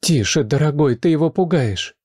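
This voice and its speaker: A man voicing a scheming young wife who speaks quickly and sweetly, with a dark, dry voice raised in pitch. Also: animated, no room sound. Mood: sweet, coaxing. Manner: fast, sugary, pleading then spiteful.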